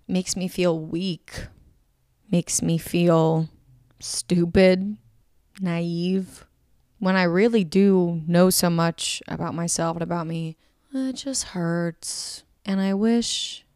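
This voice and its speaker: A woman's voice: on the low side, no room sound. Emotional young woman host, close and dry. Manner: candid, emotional, halting with restarts. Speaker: podcast host. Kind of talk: personal confessional monologue.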